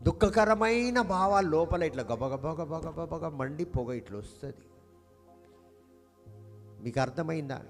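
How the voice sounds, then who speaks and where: Pastor preaching in a reverberant hall. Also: male voice, a little high, lively intonation, a little slow, pauses often, soft background music. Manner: call-and-response, questioning the congregation with emphatic repetition. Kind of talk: sermon.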